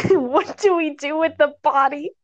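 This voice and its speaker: A woman reads as a brash young man in a fan story. The voice sits high and unhurried, and the sound is dry and close. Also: dry recording. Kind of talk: reading a fan story aloud with friends.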